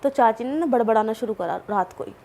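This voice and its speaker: Chatty woman with a higher voice. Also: a little fast. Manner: chatty, animated, full of asides and fillers. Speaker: podcast guest. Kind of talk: casual storytelling.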